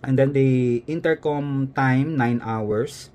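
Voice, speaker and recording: A man with a warm, medium-pitched voice and a Filipino accent speaks at a slow pace. He unboxes and reviews a product in a relaxed vlog manner, explaining along the way and regularly checking in with short tag questions.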